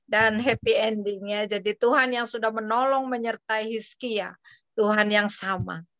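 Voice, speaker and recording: A woman tells a personal faith story over a video call. Her manner is relaxed and self-deprecating. Her voice sits fairly high, and the call audio is dull, dry and lo-fi. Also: unhurried, dry recording. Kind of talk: casual testimony.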